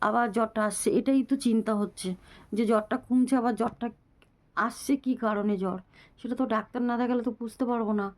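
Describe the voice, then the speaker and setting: A woman who is sick with a fever, talking softly and weakly to her viewers in a casual home vlog. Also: a little high, fairly even intonation, fast talker. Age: adult mother. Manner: speaks softly, often near a whisper. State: ill with fever, weak voice. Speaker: family vlogger.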